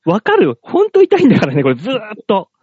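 A man in his forties, a podcast co-host, joking with friends in gruff, playful bluster over a remote call mic. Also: sits high, wildly swooping pitch, fast talker, a little mellow, no echo, highs cut off. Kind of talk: casual banter.

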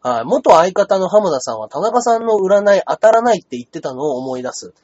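A man co-hosting a casual comedy chat stream, animated and reading viewer comments aloud. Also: high voice, brisk. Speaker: radio and stream co-host. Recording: dull lo-fi stream audio.

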